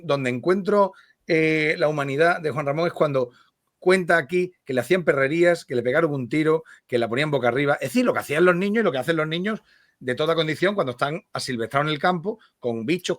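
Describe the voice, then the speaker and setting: A middle-aged man from Spain hosting a relaxed radio conversation, with many hesitations and restarts. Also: fairly high pitch, no echo, clean studio sound. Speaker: radio host.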